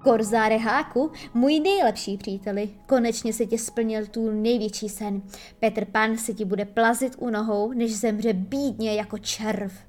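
A woman voicing a smug, cruel male pirate captain in an audiobook fairy tale, who gloats slowly to himself. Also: a little high, steady tone, a little mellow, lightly acted. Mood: gloating. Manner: slow, gloating self-talk.

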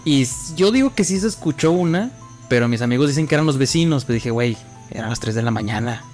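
Faint music plays behind this quick-paced, mid-range male voice. He's a young Mexican podcast co-host with a Mexican accent, casually and animatedly spinning a ghost story while performing each character's lines.

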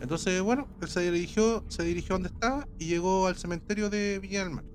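A man with a Chilean accent spins a story in a loose, casual chat, circling back and repeating himself with plenty of slang. His voice sits a little high, and faint music plays underneath. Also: a little fast. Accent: Chilean Spanish. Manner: rambling, repeats words, heavy slang.

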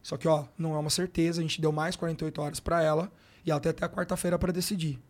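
On a podcast, a sports coach with a Brazilian Portuguese accent rattles through a personal story very fast. His high-leaning voice barely moves in pitch. He's casual, emotional, and slangy, constantly dropping fillers such as "cara" and "brother."

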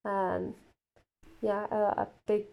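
A young woman who isn't a native English speaker plays on a role-playing podcast, chatting casually and hesitantly with lots of fillers and giggles. Her voice is medium-pitched, level, slow, gravelly and mellow.

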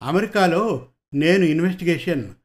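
A man's voice: fairly high pitch, expressive, moderate pace, close to an everyday voice. A man voicing a meek young male detective's assistant, speaking in a pleading, plaintive way.

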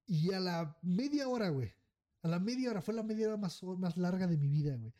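Over a loud crowd, a man with a high, brisk voice and a Mexican accent tells a story during casual podcast chat. The co-host swears freely, throws "güey" onto nearly every phrase, and animatedly impersonates the people in his story.

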